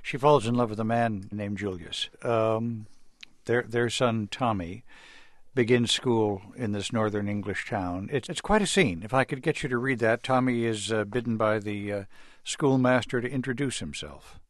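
A man's voice: fairly low pitch, moderate pace, dry recording, studio quality. A man interviewing a guest in a conversational broadcast style. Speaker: radio interviewer.

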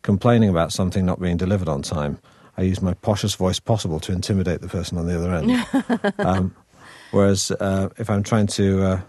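Speaking fast with hardly a pause, this deep-voiced Mancunian actor swings widely in pitch and sounds a little mellow. He's a wry, hesitant interview guest who keeps restarting, in a relaxed conversation captured in studio quality with no echo.

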